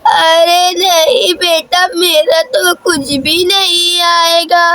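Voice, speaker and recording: Woman voicing a doll-cartoon grandmother: very slow, stretched-out delivery, high voice. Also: level tone, pushed and bright, full character voice. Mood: gentle. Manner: slow, drawn-out speech. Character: slow-talking old grandmother.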